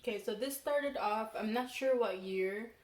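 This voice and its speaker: A young adult woman from Palau telling a story casually, in a halting, rambling way with frequent self-corrections. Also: fairly high pitch. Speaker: mukbang vlogger telling a folk legend. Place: small room indoors, seated at a table. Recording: roomy echo, background noise.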